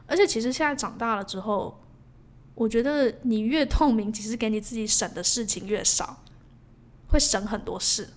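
A woman's voice: a little high, moderate pace, a little hiss or hum. A woman co-hosting a podcast in casual chat with a friend, talking freely, laughing often and dropping English words into her speech. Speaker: podcast co-host.

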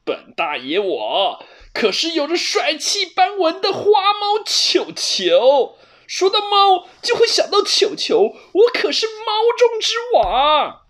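A woman voicing a boastful male tabby cat in a children's storybook, bragging in a shrill, showy voice. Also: wildly swooping pitch, slow pace, a bit bright, full character voice. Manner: shrill boasting, calls himself 本大爷.

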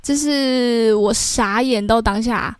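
Young taiwanese woman telling her own story on a podcast, kinda high voice, chatty, fillers everywhere, dry close sound. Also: slow pace, clean tone, no echo. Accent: Taiwanese Mandarin. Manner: chatty, tags sentences with filler words. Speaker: podcast host. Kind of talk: casual personal storytelling.

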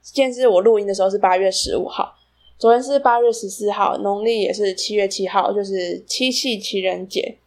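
A woman's voice: mid-range voice, a little fast, a little mellow. Taiwanese woman podcasting, slightly slurred by braces. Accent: Taiwanese Mandarin. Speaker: solo podcast host. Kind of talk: casual podcast monologue.

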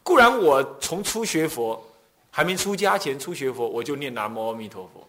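A middle-aged male Buddhist abbot with a Taiwanese Mandarin accent, giving a dharma talk as animated storytelling. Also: on the high side, moderate pace. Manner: animated storytelling, acts out quoted voices.

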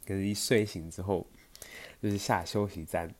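A man's voice: low-pitched, fairly even intonation, moderate pace. A young man with a Taiwanese Mandarin accent, telling a personal story in a chatty, meandering podcast style full of fillers. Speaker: podcast host.

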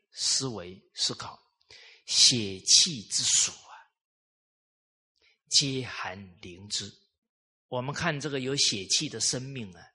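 A man giving a live lecture on traditional culture, telling lively stories and putting rhetorical questions to the audience. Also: medium pitch, slightly rough.

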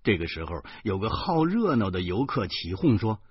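A man narrating an audiobook in a lively, colloquial storytelling manner. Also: on the low side, normal speed, breathy edge, dry recording, dull audio.

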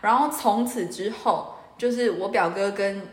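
A young woman with a Taiwanese Mandarin accent, co-hosting a podcast and telling stories in an animated, laughing way. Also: medium pitch, a little slow. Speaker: podcast co-host. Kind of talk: casual chat and storytelling. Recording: echoey room.

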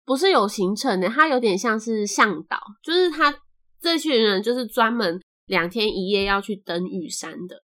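A young woman speaks Mandarin with a Taiwanese accent, hosting a relaxed podcast chat. She talks in a chatty, easygoing way, laughs often and lets her sentences trail off. Her voice sits at an ordinary middle pitch. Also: normal speed. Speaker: podcast host. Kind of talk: casual chat.

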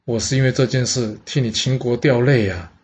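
A man's voice: medium pitch, brisk, a little mellow, a little hiss or hum, close to an everyday voice. A man voicing an aging male envoy who reasons earnestly, step by step. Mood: persuasive. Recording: dull lo-fi audio.

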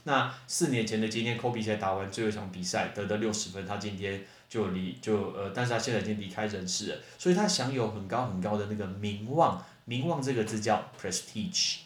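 A man hosting a casual English vocabulary lesson, chatty and animated, spelling words out letter by letter. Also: lowish voice, a little fast, few pauses, reverberant. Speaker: English teacher podcast host.

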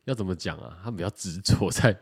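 A man's voice: low-pitched, fast talker, husky. A man with a Taiwanese Mandarin accent, co-hosting a podcast and telling a story in casual chat, laughing often and swearing casually. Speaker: podcast co-host.

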